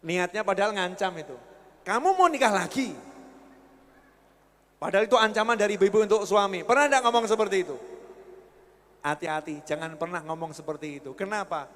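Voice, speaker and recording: A man with a high voice delivers a sermon to a gathered congregation. He jokes and keeps quizzing his listeners. His voice rings out with a long echo through the hall. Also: fast, fairly bright tone. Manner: jokey, quizzes the audience. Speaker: preacher. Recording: echoey hall with long reverb.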